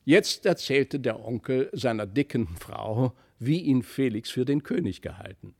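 A man reading a classic tale aloud in measured, even storytelling narration. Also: mid-range voice, vocal fry, dry recording, studio quality. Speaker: audiobook reader.

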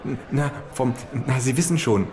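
A man voicing a small, fat, fawning male food executive who talks in a high falsetto and stammers, repeating his words. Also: normal speed, darkish tone, a faint crowd, lightly acted. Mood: eager, flustered.

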